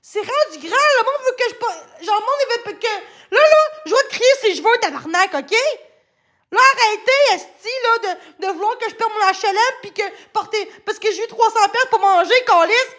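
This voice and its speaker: A woman with a Québécois accent rants to her livestream viewers in a very high, piercing voice. She swears constantly and breaks into shouts, speaking into a phone. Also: lively intonation, moderate pace. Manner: ranting, heavy swearing, frequent shouting. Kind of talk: angry livestream rant.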